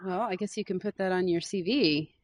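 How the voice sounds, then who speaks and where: A woman's voice: lowish voice, a little fast, a little mellow, no echo. A woman interviewing an actor in a chatty, enthusiastic way. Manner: chatty, enthusiastic fan questions. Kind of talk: casual interview chat.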